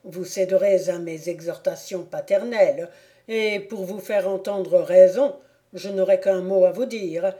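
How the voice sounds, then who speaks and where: A stern aristocratic count, an older father who reasons gravely and slowly, as a woman reader voices him. The tone sits low and mellow, unhurried, with a solemn, persuasive weight. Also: fairly even intonation, lightly acted. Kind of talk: audiobook character reading.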